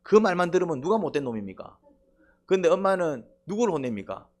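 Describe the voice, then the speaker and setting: A man's voice: on the high side, big pitch swings, fast talker. A middle-aged male pastor preaching a sermon, quizzing the congregation with rhetorical questions and prompting "eh?".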